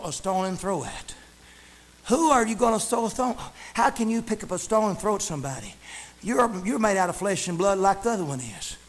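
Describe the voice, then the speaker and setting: A male preacher, delivering a sermon in a shouting, chanting cadence. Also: high voice.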